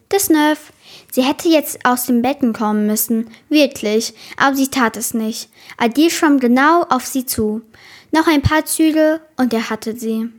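A woman reading a children's novel aloud in a plain, careful way. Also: a little high.

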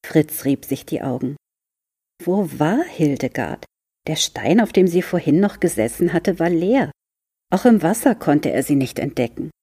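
A woman reading a children's book aloud in a library, telling it in a calm, unhurried way with a husky, gravelly voice. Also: low voice, no room sound, studio quality. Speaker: library reader.

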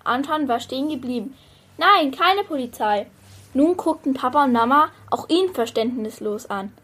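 A woman reading a children's story aloud in a lively way. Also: high voice, moderate pace, breathy edge.

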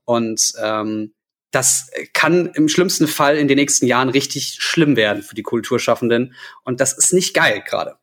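An earnest man in his thirties co-hosting a casual podcast. He talks at a middling pitch and often stops on fillers to find his words. His tone is sincere and thoughtful. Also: lively intonation, moderate pace, a bit bright. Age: 30s. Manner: earnest, hesitant with many fillers. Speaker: podcast co-host.

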